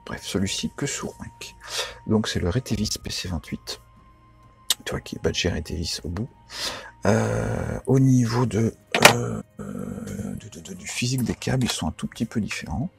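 A man's voice: lowish voice, very animated, moderate pace, vocal fry, music in the background. A man giving a casual, informal how-to tutorial, chatty and full of fillers and self-corrections. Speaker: radio tutorial maker.

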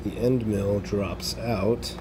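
A man's voice: lowish voice, fairly even intonation, slow. Chatty man explaining in a noisy workshop. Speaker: DIY video host. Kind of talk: casual workshop how-to narration. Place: home garage workshop.

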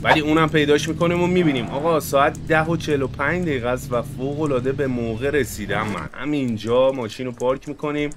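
A man's voice: medium pitch, noisy background. A man hosting a gaming channel, giving casual let's-play commentary in a chatty, joking way as he plays. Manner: chatty, jokey, talks to himself and viewers while playing.

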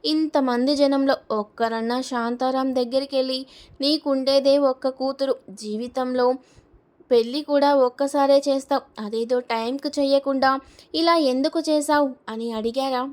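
A woman voicing a nosy middle-aged neighbor in a storybook reading, confiding in a low, careful way. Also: fairly even intonation, moderate pace, natural voice.

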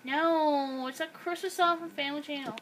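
This young woman hosts a gameplay video, chatting and rambling casually while she plays, recorded by a camera aimed at the screen. Her high voice holds a steady tone at a moderate pace, and the recording is very noisy.

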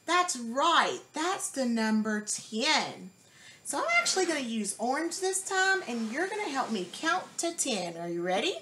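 A woman's voice: high voice, sing-song, bright, forceful tone, a little hiss or hum. A woman teaching a child to count, speaking as an encouraging teacher who asks questions and gives praise. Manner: slow, deliberate counting aloud.

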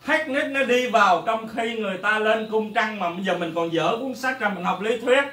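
A man teaching a drum lesson, lecturing bluntly and rambling, counting beats out loud. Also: sits high, brisk. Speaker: music teacher. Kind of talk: drum lesson, talking to camera. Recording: echoey room, mic at a distance. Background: faint drums and music.

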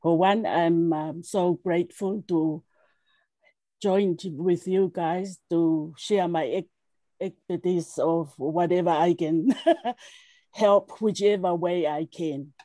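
An older woman with a Tongan accent speaking haltingly as a guest on a video call. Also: fairly low pitch, steady tone, mellow, no room sound. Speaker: guest cultural expert. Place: room at home on a video call. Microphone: headset earphones.

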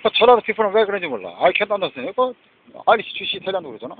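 A man's voice: sits high, big pitch swings, fast. A man talking in a rambling monologue from inside a moving vehicle, switching between Korean and English phrases. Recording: tinny lo-fi with loud vehicle noise.

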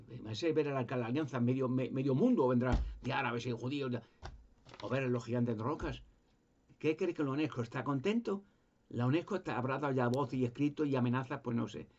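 A man rambles through a first-person story, stumbling and repeating words as he hunts for the next one. His voice is husky, and the recording sounds dull and lo-fi. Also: medium pitch, a little mellow. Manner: stammering, repeats words while searching. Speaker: speaker recounting his own story.

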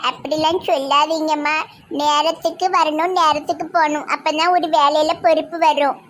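Fussy high-voiced Tirunelveli speaker. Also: level tone, normal speed, a bit bright. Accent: Tirunelveli Tamil. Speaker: comedy sketch performer. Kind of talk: scripted comedy sketch acting.

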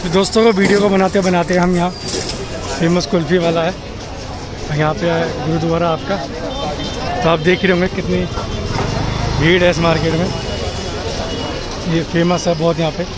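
A man's voice: a little high, little pitch movement, moderate pace, pauses often, loud music behind the voice. A man walking through a busy market and chatting to viewers as his friends in a casual travel vlog. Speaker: travel vlogger. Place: busy outdoor street market. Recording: noisy crowded street, outdoor camera mic. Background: crowd chatter and traffic.

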